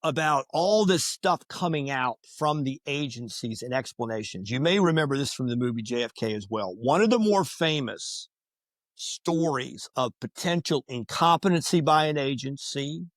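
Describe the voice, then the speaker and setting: A man talking casually on a podcast, telling stories in a lively way and acting out what people said. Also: medium pitch, moderate pace, no echo, clean studio sound. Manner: animated, acts out quoted voices.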